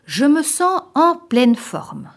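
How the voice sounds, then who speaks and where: A woman with a high, lively voice leads a vocabulary lesson. She speaks very slowly, leaving space after each short phrase so listeners can repeat it. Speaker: language teacher. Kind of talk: slow, clearly spoken vocabulary lesson.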